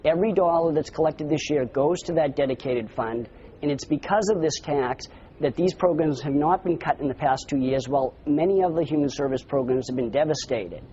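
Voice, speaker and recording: A man speaking on a broadcast debate panel, measured and steady as he cites numbers. His tone is mellow and warm. The sound is dull and lo-fi, with faint background hiss. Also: fairly high pitch. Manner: measured, citing figures. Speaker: advocate for an anti-repeal committee. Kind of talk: televised debate.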